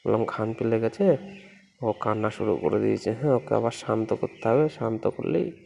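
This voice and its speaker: A man filming his baby at home on a phone and talking gently through it in a casual vlog, repeating himself as he describes what the baby does. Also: medium pitch, creaky. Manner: gentle, repetitive running commentary, coos to the baby. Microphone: phone camera.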